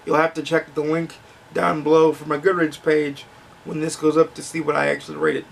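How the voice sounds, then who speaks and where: A man's voice: a little high, flat delivery, brisk, vocal fry, recorded from a distance, a little hiss or hum. A man giving a frank, conversational book review with ums and restarts, his voice starting to crack.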